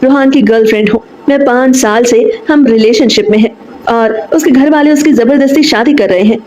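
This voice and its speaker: A woman's voice: on the high side, brisk, darkish tone, a little hiss or hum, lightly acted, low-quality recording. A woman voicing a jealous young woman in a romance audiobook, talking in a pleading, demanding way. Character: jealous young woman office worker, pleading then threatening.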